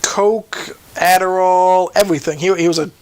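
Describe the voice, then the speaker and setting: A man co-hosts a loose podcast chat, rambling through stories with plenty of restarts. His voice sits high. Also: steady tone, moderate pace, crowd noise. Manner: chatty, rambling storyteller with many restarts. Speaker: podcast co-host. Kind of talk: casual chat.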